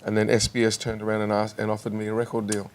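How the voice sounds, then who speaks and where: A man, a singer and actor guest chatting on a TV couch, halting and restarting often. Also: lowish voice, completely flat delivery. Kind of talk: casual interview chat. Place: television studio.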